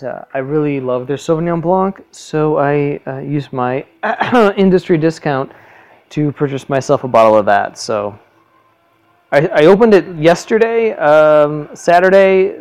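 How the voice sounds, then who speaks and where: A man's voice: mid-range voice, darkish tone, clear, resonant tone. A young man co-hosting a podcast, casually rambling through a solo audio commentary from his living room on a phone headset. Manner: rambling, self-correcting, chatty asides. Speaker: podcast co-host. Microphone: headset plugged into phone.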